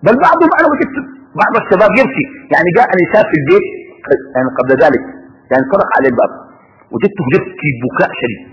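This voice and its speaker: A man's voice: high voice, huge pitch swings, rapid-fire, slight background noise. A man teaching a class on creed, stopping to ask his students questions and having them finish his sentences. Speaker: religious teacher. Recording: dull lo-fi recording in a reverberant hall.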